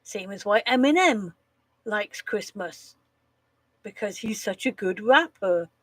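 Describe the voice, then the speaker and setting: Her voice is medium-pitched and animated, slow, with no echo. She's casually live-streaming with a slightly nasal voice from a cold, cracking corny jokes she giggles at, swearing casually and groaning at bad puns.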